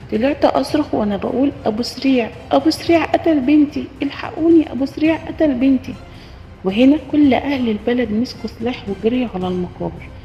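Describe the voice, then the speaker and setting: Fast-talking Egyptian woman telling horror stories. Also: mid-range voice, dark tone, a little hiss or hum. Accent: Egyptian Arabic. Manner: fast, intense, emotional storytelling. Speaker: storyteller. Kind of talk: dramatic first-person horror narration. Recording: roomy reverb, dull and muffled.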